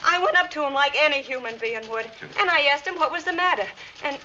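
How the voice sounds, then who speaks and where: A woman's voice: fairly high pitch, a little fast, pushed and bright. An actress playing a brassy, wounded young American woman, agitated and tough-talking in a muffled 1940s film melodrama. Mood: distraught, pleading. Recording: muffled, noisy 1940 film soundtrack.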